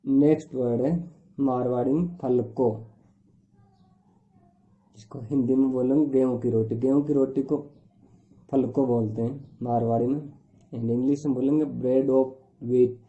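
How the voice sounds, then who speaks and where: A man's voice: medium pitch, steady tone. A man teaching a vocabulary lesson word by word, giving each word's meaning in plain, repetitive phrases. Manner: slow, repetitive listing of words with translations. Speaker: language teacher. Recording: tinny phone-like recording.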